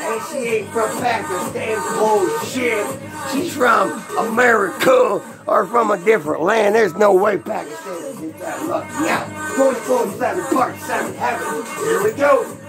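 A man delivering a rambling, excited fan rant, shouting and whooping as he goes. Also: sits high, unhurried. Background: music.

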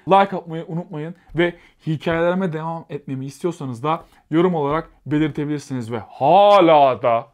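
A young man tells a personal story on his vlog at a fast clip. His voice sits fairly high for a man, and he acts out each quote with animated jumps in pitch. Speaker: vlogger.

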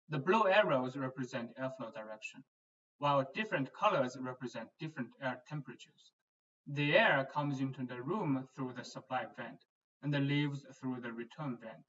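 A man, a research engineer, giving a scripted, measured technical explanation as a voice-over for presentation slides. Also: medium pitch, a bit bright. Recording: distant, dull lo-fi voice-over.

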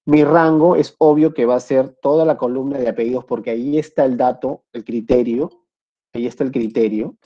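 Excel teacher, dull lo-fi recording. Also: male voice, medium pitch, steady tone, fairly quick. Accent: Peruvian Spanish. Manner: repeats points, checks in with "correcto" often. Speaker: Excel instructor. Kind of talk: screen-recorded software tutorial. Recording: dull lo-fi mic.

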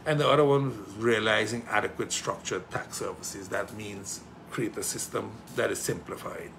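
A middle-aged man gives impassioned political commentary, emphatic, with rhetorical questions that build to loud indignation. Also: fairly low pitch, steady tone, moderate pace, vocal fry, background noise. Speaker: political commentator hosting a show.

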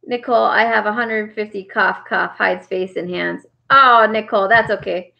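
A woman's voice: mid-range voice, normal speed, gravelly, highs cut off. A woman hosting a casual crafting livestream, chatting with viewers and reading their comments aloud with frequent laughs.

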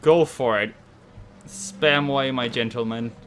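A man streaming a horror game, chatting and cursing, yelping and shouting when startled. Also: mid-range voice, unhurried, slight background noise. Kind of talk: gaming livestream commentary.

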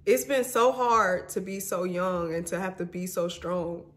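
A woman's voice: lowish voice, a little slow, a bit bright. Candid young woman vlogging her story. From Mississippi. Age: 20s. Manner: candid and emotional, says y'all and honey. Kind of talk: personal storytelling vlog.

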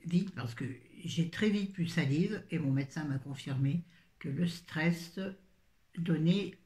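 A woman's voice: sits low, measured pace, darkish tone, echoey room. An older woman reviewing books in a casual, rambling chat full of self-mocking asides. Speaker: book vlogger.

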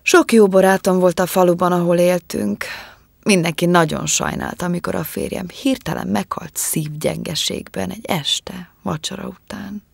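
A cool, composed young poisoner speaks low and steady, as a woman reader voices her. Her gravelly voice stays controlled and icy, her tone commanding, close and dry in an audiobook. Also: no room sound, heavily acted. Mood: cool confession.

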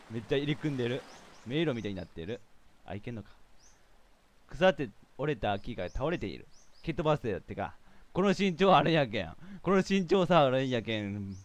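Lively male game streamer. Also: mid-range voice. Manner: chatty, jokey, reacts out loud to himself. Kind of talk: casual game commentary.

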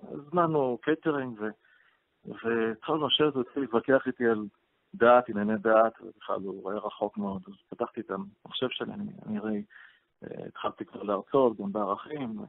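A man, a rabbi and radio guest, telling a story from his past in an interview, halting with fillers as he goes. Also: mid-range voice, gravelly. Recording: phone-line radio call, dry.

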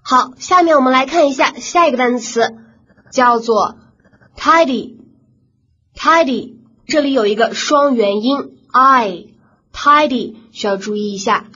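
A woman's voice: fairly high pitch, bright, forceful tone, breathy edge. Patient woman teaching vocabulary. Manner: patient, explains slowly, repeats words for drill. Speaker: English teacher. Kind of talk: recorded vocabulary lesson. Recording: slightly dull lo-fi recording.

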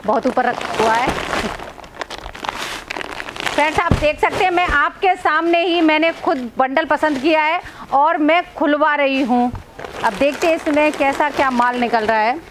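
A woman's voice: sits high, measured pace, noisy background. A woman in her thirties hosts a business video, asking a seller questions and talking to viewers in an upbeat way inside a large warehouse on a lapel mic. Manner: upbeat, addressing viewers as friends. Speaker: host. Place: large clothing warehouse indoors. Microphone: clip-on lapel mic.

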